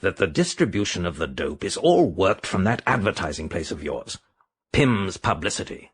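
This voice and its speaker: An actor playing a shady, suspicious English major, gruff and threatening, in a radio drama. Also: male voice, low voice, very animated, normal speed, full character voice. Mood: warning, scheming. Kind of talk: BBC radio drama acting.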